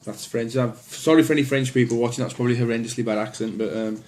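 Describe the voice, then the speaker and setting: A man's voice: medium pitch, fairly even intonation, fast, a little mellow. A man casually walking through his horror film collection, rambling with many ums and restarts. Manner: easygoing, plainspoken opinions.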